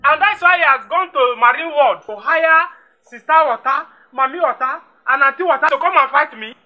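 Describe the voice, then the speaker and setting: An actor playing an older uncle with a Nigerian accent who speaks in an accusing, suspicious way in a film drama. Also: male voice, extremely high pitch, fairly quick, lo-fi sound. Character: stern older uncle steeped in tradition.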